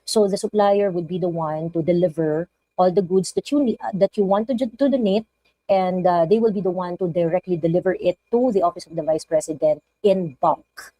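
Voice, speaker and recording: A woman's voice: fairly low pitch, moderate pace, dark tone, dry recording, low-quality recording. Chatty Filipino woman livestream host. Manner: chatty, code-switching, reads viewer comments aloud. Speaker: live stream host. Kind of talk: casual live chat greeting viewers.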